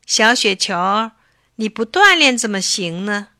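Patient loving mother cat, as a woman voices her, gentle coaxing tone, bright, lilting, storybook. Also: medium pitch, sing-song, unhurried, dry recording, clean studio sound. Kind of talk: storybook reading.

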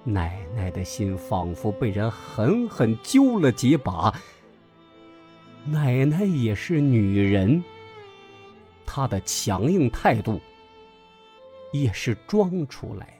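A man giving a scripted narration of a story in a measured, expressive way. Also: mid-range voice. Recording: dry close voice over faint music.

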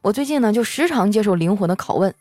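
A woman's voice: medium pitch, lively intonation, fast. A young woman, hosting a comic storytelling podcast in a chatty, playful way. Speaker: host. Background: soft background music.

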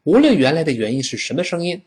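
Man, english pronunciation teacher, very lively intonation, slow demonstrations for learners to repeat. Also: on the high side. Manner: animated, modelling words slowly and having listeners repeat.

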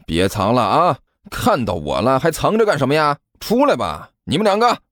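A man voicing a brash, impatient male student who swears and shouts in exasperation. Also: high voice, wildly swooping pitch, moderate pace, no echo, studio quality, pitched above the performer's own voice. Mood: exasperated.

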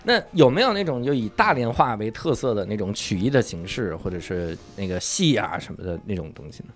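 A man's voice: lowish voice, big pitch swings, fairly quick. Playful, teasing podcast host man. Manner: playful, teasing, laughs often. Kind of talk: casual podcast chat.

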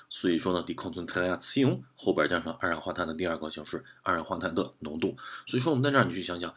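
A man's voice: deep voice, a bit bright, breathy edge. A man teaching German vocabulary in a methodical lesson, repeating and rephrasing each point. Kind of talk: explanatory lesson.

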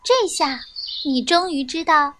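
Brief: a gentle storyteller woman for children, high and slow. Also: slight background noise. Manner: slow, expressive, addressing children.

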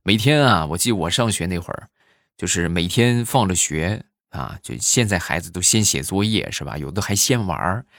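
A man telling jokes in a stand-up style, animated and acting out the people in his stories. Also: deep voice, normal speed, gravelly, dry recording, clean studio sound. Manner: animated, acts out quoted characters in raised voices.

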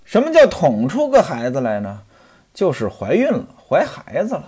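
A man's voice: fairly high pitch, wildly swooping pitch, moderate pace, darkish tone, breathy edge. A man telling and explaining a classic story, chatting directly to his listeners. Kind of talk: storytelling commentary on a classic novel.

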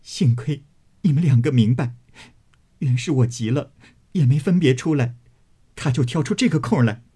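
A man's voice: lowish voice, very animated, moderate pace, darkish tone, slightly rough, heavily acted. A man voicing a proud, fiery young maid who scolds with scorn, in a storybook reading. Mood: indignant.

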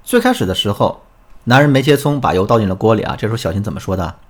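A man's voice: fairly low pitch, lively intonation, fast talker. A middle-aged man hosting a relationship advice talk, explaining in an instructive storytelling way.

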